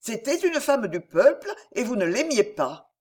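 A woman's voice: big pitch swings, a little slow. A woman reading an audiobook, voicing an outspoken, cheeky young girl with a raised, pert tone. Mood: indignant. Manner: pert and forthright, higher and brighter than the narration. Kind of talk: audiobook character dialogue.

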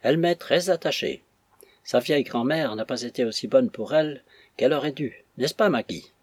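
A man voicing a gentle, modest young woman who speaks softly and tenderly. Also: medium pitch, moderate pace, slightly rough, dry recording, natural voice. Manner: soft and tender.

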